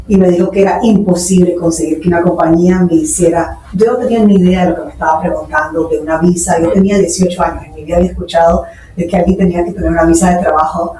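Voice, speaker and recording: Her voice is lowish and mellow as this guest entrepreneur from Nicaragua, a woman in her forties, recounts anecdotes earnestly in a podcast interview and switches into English for certain terms. A distant mic in an echoey room adds slight hiss or hum.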